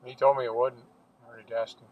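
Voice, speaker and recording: A man's voice: medium pitch, level tone, fast, warm tone. A middle-aged man chatting casually in a laconic, matter-of-fact way, like a father reassuring his grown child. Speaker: father driving his son home. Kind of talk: casual conversation. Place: inside a car. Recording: muffled, distant, noisy car interior.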